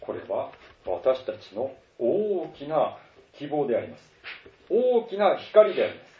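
A man preaching a sermon as a pastor, earnest and animated in his delivery. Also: mid-range voice, a little slow, slight background noise. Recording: roomy, distant, dull sound.

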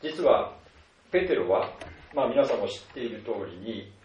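A male pastor preaching a sermon at a measured pace, with many soft filler words between phrases. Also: medium pitch, very animated, a little hiss or hum. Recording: distant, roomy, dull lo-fi sound.

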